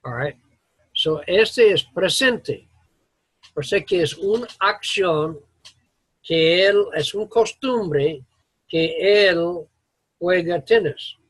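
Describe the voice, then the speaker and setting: A man teaches English grammar to a class in a high, slightly bright, husky voice with no room sound. He explains things slowly and haltingly, mixing English terms into Spanish.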